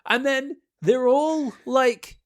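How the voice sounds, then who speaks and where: A man co-hosting a podcast in casual chat, animated and joking, often breaking into laughter. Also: very high-pitched, slow pace. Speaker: podcast co-host.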